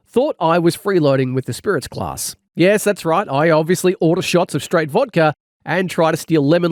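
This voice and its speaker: Reading a funny first-person audiobook, the male narrator takes on the part of a wry storyteller prone to exaggeration. His voice is on the high side, and the dry, clean studio recording suits this comedic scripted narration.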